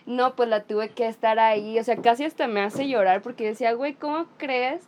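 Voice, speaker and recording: A woman's voice: on the high side, steady tone, a little fast, a little mellow, slight background noise. A woman with a Mexican accent hosting a casual chat, telling stories animatedly in slang and acting out the quotes. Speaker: podcast host.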